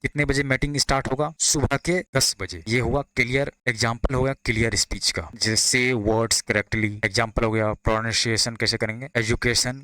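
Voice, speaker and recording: A man giving a lecture, explaining in Hindi and reading out English definitions slowly. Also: mid-range voice, fairly even intonation, bright, forceful tone. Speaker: teacher. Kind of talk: classroom lecture.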